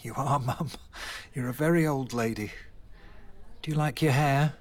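A man's voice: mid-range voice, normal speed, lightly acted. An actor playing a patient, soothing grown son talking to his confused mother in a naturalistic audio drama. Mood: patient, gentle.

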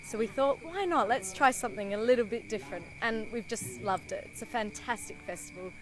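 A woman's voice: on the high side, a little fast, background noise. A woman from Australia, chatty and enthusiastic in a vox pop interview. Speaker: festival-goer. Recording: music playing behind.

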